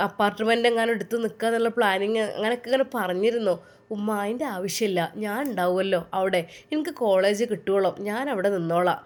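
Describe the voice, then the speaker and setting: A woman voicing a calm, dutiful young woman, speaking politely and earnestly in a storybook tale. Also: mid-range voice, natural voice.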